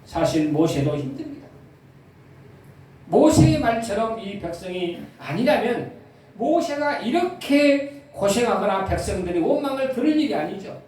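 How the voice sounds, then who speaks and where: High-voiced preaching pastor, echoey hall. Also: male voice, sing-song, a little slow, a little mellow. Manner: preaching with questions to the congregation. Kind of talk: sermon. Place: church sanctuary. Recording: echoey church sound from far off.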